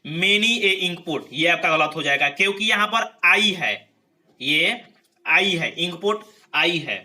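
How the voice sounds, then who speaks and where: Speaking slowly and with animation, a male English grammar teacher runs an exam-prep grammar lesson in a recorded video. His voice is high, very bright and piercing, and he explains and repeats, drilling each rule and checking on his students after nearly every point.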